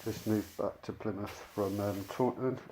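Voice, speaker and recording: A man's voice: fairly low pitch, fairly even intonation, a little slow, dark tone. A man chats casually as he explains his cleaning work, his voice muffled by a dust mask over his mouth. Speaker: rug cleaner presenting his own work. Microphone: speaking through a dust mask. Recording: clear background noise.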